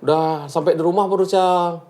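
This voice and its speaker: A man, recounting his story in a casual interview, halting and full of restarts. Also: high-pitched, fairly even intonation, darkish tone. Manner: halting, full of restarts, acts out quoted speech.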